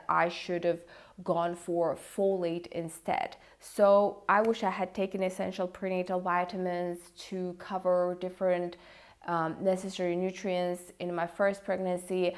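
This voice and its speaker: Reflective, regretful woman with a lowish voice. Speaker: video creator sharing pregnancy advice. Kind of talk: personal advice monologue to camera.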